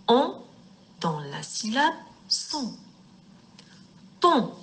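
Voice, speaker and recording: A woman teaching young children to read, speaking slowly and word by word, stressing each syllable, and addressing her pupils with affection. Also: fairly low pitch. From Morocco. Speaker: primary school teacher. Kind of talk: slow reading lesson for young children.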